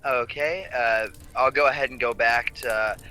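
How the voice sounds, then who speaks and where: A man's voice: mid-range voice, steady tone, a little slow, sharp tone, faint music behind, low-quality recording. A man playing a tabletop role-playing game, talking casually with frequent fillers. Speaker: player.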